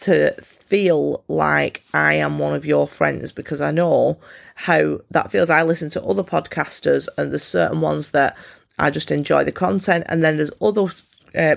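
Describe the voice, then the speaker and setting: A woman hosting a solo self-help podcast, talking candidly and encouragingly in a croaky, froggy voice with a congested nose. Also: sits low, fairly even intonation, normal speed. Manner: candid, informal, encouraging, swears freely. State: congested, snotty nose from a cold. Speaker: podcast host.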